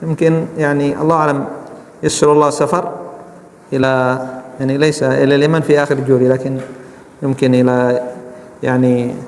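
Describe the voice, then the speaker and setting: Sheikh teaching in an echoey mosque. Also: male voice, mid-range voice, little pitch movement, brisk, long pauses, darkish tone, a little hiss or hum. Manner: checks understanding often, demonstrates chants aloud. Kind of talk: classroom teaching on prayer. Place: large mosque hall. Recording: echoey hall, long reverb.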